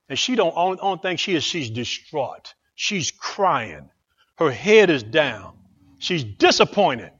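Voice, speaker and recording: A male preacher with a high, very lively voice tells a story in a sermon, dramatically and with much repetition. The recording is slightly muffled.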